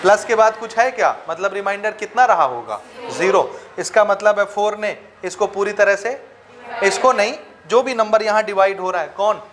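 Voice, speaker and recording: Male tutor with a Chhattisgarh Hindi accent, fairly high voice, quizzing the class as he explains, faint room hum behind. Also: expressive, fairly bright tone. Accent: Hindi-speaking Chhattisgarh. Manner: checks understanding with frequent rhetorical questions; mixes Hindi with English maths terms, dictating slowly. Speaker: maths teacher. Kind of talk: classroom lecture.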